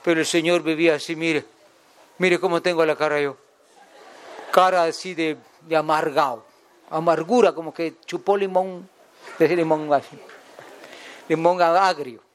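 A man's voice: a little high, steady tone, moderate pace, pauses often, a little hiss or hum. A man with a Guatemalan accent preaching a folksy sermon in a chatty way, telling stories, joking and asking the congregation questions. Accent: Guatemalan Spanish. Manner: chatty, jokes with the congregation, asks them questions.

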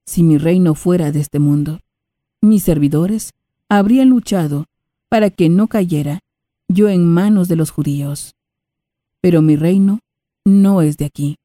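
A woman reading the part of Jesus, a calm and solemn man, in a lowered, slow voice. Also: no room sound, studio quality, natural voice.

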